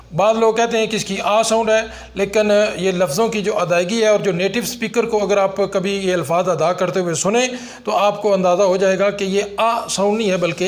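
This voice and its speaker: A man whose first language is Urdu, teaching English vowel sounds in a phonics lesson and repeating each sound slowly and patiently. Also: high-pitched.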